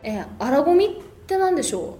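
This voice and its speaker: A woman with a Kobe dialect co-hosting a casual radio chat, polite and steady. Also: high voice, brisk, roomy sound, music in the background. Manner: polite, answers with steady short replies. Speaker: radio co-host.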